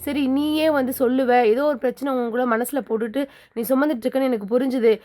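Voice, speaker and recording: A woman's voice: high-pitched, steady tone, fast, mellow, close to an everyday voice. A woman voicing a worried middle-aged mother who keeps pressing and scolding her daughter. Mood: pleading, scolding. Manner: insistent, scolding questions.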